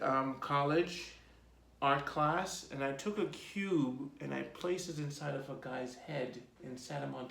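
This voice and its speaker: A man in his fifties with a Jamaican accent, telling his life story in a relaxed, rambling interview with many ums. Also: mid-range voice, vocal fry. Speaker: host being interviewed by his daughter. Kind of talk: casual personal interview. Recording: echoey room.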